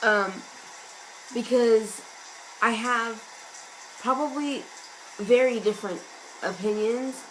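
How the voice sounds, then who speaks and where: A woman vlogger, hoarse and losing her voice, musing in a chatty, meandering, self-mocking way. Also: a little high, slow, long pauses, slight background noise, poor audio. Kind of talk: casual musing vlog. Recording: loud rain and thunder sounds from an app behind the voice. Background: rain and thunder ambience sounds.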